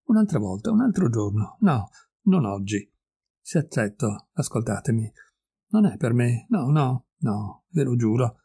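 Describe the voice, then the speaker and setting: A man's voice: mid-range voice, big pitch swings, unhurried, warm tone, husky, dry recording, studio quality, exaggerated voice. A man voicing a young woman, anxious and grieving, who pleads emotionally in a story reading. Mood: pleading.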